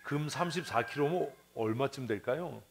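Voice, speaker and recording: A man's voice: mid-range voice, moderate pace, creaky. A man pastor giving a sermon in church, telling a parable in a conversational way, acting out its characters and asking the congregation questions. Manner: conversational preaching, acts out the parable's voices, asks the congregation questions. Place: church sanctuary.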